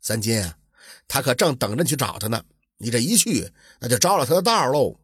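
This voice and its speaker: Man voicing a wise village man, folk tale, low calm voice, very husky. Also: brisk, dry recording, clean studio sound. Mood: advising.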